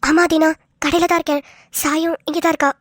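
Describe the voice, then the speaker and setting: A woman's voice: sits high, level tone, a little fast, no room sound, studio quality, lightly acted. A woman voicing an eager young woman helping with a plan in a cartoon.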